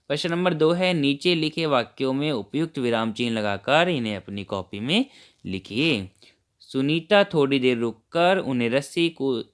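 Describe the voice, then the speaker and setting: A male teacher talks young children through a worksheet lesson, greeting them warmly and explaining each point step by step. His voice is smooth and clear, at an everyday middle pitch.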